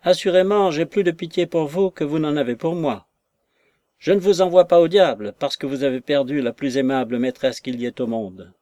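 A man's voice: mid-range voice, normal speed, darkish tone, no echo, lightly acted. A man voicing a distraught lady's maid, a woman who wails and pities herself in a raised, plaintive voice. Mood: lamenting.

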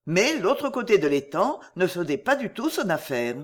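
A narrator reading a French adventure tale aloud in an expressive storybook style. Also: medium pitch, normal speed. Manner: lively, expressive read-aloud delivery.

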